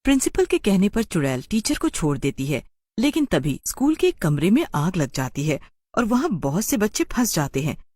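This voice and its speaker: A woman's voice: mid-range voice, moderate pace, no room sound, studio quality. A woman narrating a storybook tale expressively, giving each character a voice. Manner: expressive, acting out every voice.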